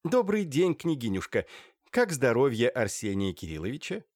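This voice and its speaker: A man voicing an anxious older woman who tries to calm her quarrelling sister. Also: mid-range voice, moderate pace, no echo, studio quality, voice pushed up. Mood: worried. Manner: placating, polite.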